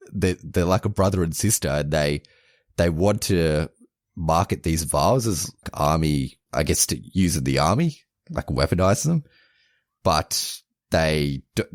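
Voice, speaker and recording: The sound here is close and dry as a deep-voiced male podcast co-host, his pitch extremely low, stumbles through summarizing a movie's plot in casual chat. He keeps restarting and correcting himself along the way.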